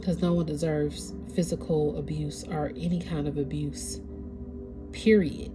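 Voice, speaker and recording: A tarot reader with a stuffy, congested nose gives her audience a casual spiritual reading, chatting conversationally and sometimes hunting for the right word. Her voice sits low and steady, a little slow, over music.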